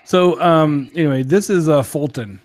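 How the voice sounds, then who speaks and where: A young man with a voice on the high side co-hosts a podcast, reviewing beers in a casual, joking chat. He speaks at a moderate pace with a self-deprecating streak, and the recording has no echo.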